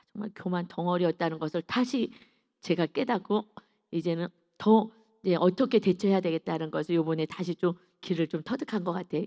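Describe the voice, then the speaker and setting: Woman preacher, emphatic and emotional, early-morning sermon in a church with long reverb and dull sound. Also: lowish voice. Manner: emotional, emphatic, swings from loud to soft. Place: church sanctuary.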